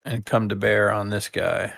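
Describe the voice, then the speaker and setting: A man plays a tabletop game, tossing out playful, jokey exclamations between his moves. His voice is lowish with a gravelly texture. The recording is dry. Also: little pitch movement, normal speed, fairly bright tone, no echo. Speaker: player.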